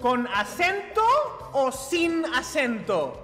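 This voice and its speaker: A woman teaching a lively group Spanish lesson, switching between Spanish and English and repeating her questions to the students. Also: sits high, slow pace. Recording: echoey room with music behind.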